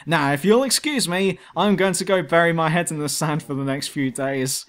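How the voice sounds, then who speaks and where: A man's voice: a little high, moderate pace, fairly bright tone. A man narrating a scripted video game review as host, blunt and sardonic.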